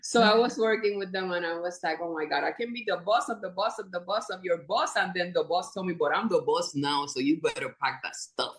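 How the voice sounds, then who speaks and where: Speaking briskly with few pauses, this fairly low-pitched woman sounds like she's in an echoey room, and the audio quality is poor. She's a podcast guest from Puerto Rico in her fifties, with an accent to match, chatting freely, laughing a lot and restarting sentences in a casual interview.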